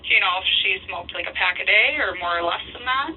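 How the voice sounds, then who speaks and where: A woman's voice: medium pitch, expressive, fast talker. A woman heard over a speakerphone, working as a medical examiner investigator and methodically reading through form questions, spelling out names letter by letter. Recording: tinny speakerphone line, faint hiss.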